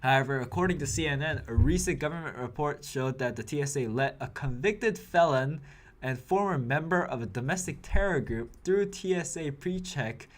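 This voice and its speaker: Wry young male news anchor. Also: fairly high pitch. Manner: editorial, wry commentary. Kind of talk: news report with personal asides.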